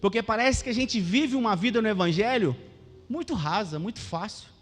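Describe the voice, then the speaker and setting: Man, Brazilian accent, young pastor, high-pitched voice, animated sermon, long hall reverb. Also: brisk, soft background music. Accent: Brazilian Portuguese. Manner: animated preaching, asks the congregation questions. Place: church hall.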